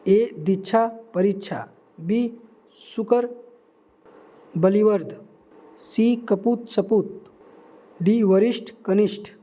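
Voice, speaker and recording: A young man tutoring for an exam, reading out answer options slowly and repeating key words for emphasis. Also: high-pitched, warm tone. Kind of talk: quiz-style teaching.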